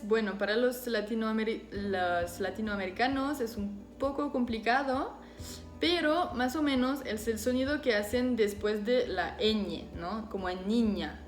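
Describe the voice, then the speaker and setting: Slow-speaking woman teaching pronunciation. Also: mid-range voice. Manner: slow, careful, deliberately modelling French words. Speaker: French teacher. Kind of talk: explaining pronunciation to learners. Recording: echoey room.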